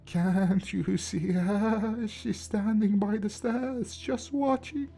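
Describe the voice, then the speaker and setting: Horror storybook figure: a broken old grandfather full of guilt, put on by a male narrator, slow and halting with a husky edge. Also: fairly even intonation, dark tone, soft background music, full character voice. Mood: frightened. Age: older. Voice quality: higher, slow, strained voice. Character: frightened, guilt-ridden old grandfather haunted by a ghost.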